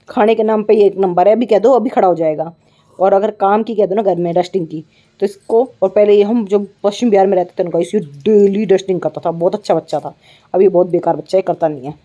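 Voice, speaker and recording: Teasing middle-aged mother with a mellow voice. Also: mid-range voice. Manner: teasing, scolding, talks to viewers as guys. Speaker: mother and vlog host. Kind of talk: casual family vlog chat.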